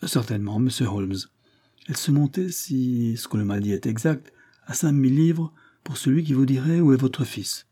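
Stern old duke, stately and impatient, man reading, dark husky tone. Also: medium pitch, moderate pace, no room sound, clean studio sound, voice pushed up, lightly acted. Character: proud, stern aging male aristocrat.

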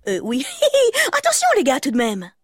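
Playful woman storyteller, very animated. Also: sits high, moderate pace. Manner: playful, exclamatory, chatty asides. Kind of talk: lively storytelling for children. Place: radio studio. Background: music.

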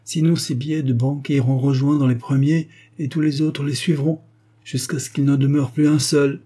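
Male reader doing a gloating sly clerk, mellow husky voice, a bit raised. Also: medium pitch, little pitch movement, moderate pace, voice pushed up, close to an everyday voice. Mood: threatening. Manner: taunting, triumphant. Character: mocking cunning male ex-clerk.

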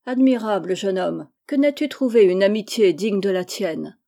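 A woman's voice: mid-range voice, expressive, moderate pace, gravelly, mellow. A woman reading the part of a scheming male chief who speaks with false sorrow, insinuating and sighing.

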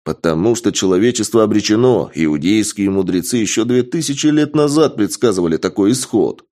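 A man voicing a brazen, excitable young male suspect who talks in a cheeky, mock-earnest way in an audiobook. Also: fairly low pitch, fairly quick, close to an everyday voice. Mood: conspiratorial. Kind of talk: audiobook character voice.

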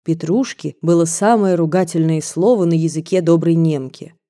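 A woman narrating a first-person story as an audiobook reader, calm and measured. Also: fairly low pitch. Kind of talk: scripted narration.

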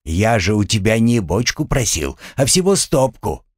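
Grumpy boastful little male sidekick, a man reading it, lively swings, dry booth. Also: fairly low pitch, normal speed, no echo. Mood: grumbling boastful. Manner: quarrelsome, bragging.

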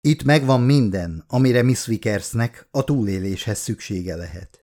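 A man's voice: on the low side, animated, mellow, natural voice. A man reading the lines of a polite android servant in an ingratiating, obliging manner. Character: smooth polite android butler. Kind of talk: audiobook character reading.

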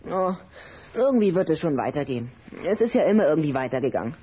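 An actor playing a grumpy, worldly-wise little boy vampire with a raspy voice in a children's radio play. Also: medium pitch, very animated, fast talker, mellow. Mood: matter-of-fact. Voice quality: husky, raspy.

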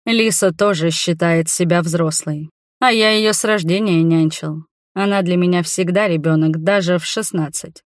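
A woman reading the lines of a gentle, calm adult husband in a storybook. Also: lowish voice, no echo, studio quality, close to an everyday voice. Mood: calm tender. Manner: calm, tender, slow.

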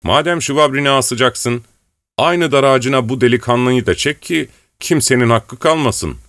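A man's voice: medium pitch, moderate pace, fairly bright tone, dry recording, clean studio sound, pitched above the performer's own voice, lightly acted. A man voicing a bloodthirsty, spiteful old male rebel who speaks in an accusing, vindictive way.

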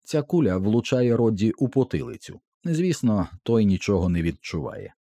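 A man narrating an audiobook with a tense, expressive dramatic reading. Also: lowish voice, moderate pace, vocal fry, no room sound, studio quality.

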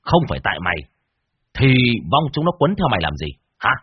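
A man's voice: medium pitch, sing-song, quick pace, slightly rough, no echo, muffled recording, pitched above the performer's own voice. A man voicing a harsh young male exorcist who interrogates and threatens a ghost. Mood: harsh scolding.

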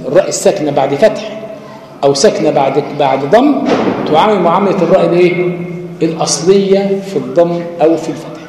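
A sheikh with an Egyptian accent gives a spoken lecture on recitation rules, explaining step by step and asking and answering his own questions. His voice is high-pitched and a little mellow. The hall is echoey, with faint noise.

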